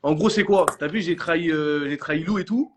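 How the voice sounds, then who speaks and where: A young man telling reality-show stories in quick, slangy casual chat, acting out what others said. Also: fairly high pitch. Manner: animated storytelling in slang, acting out others' lines.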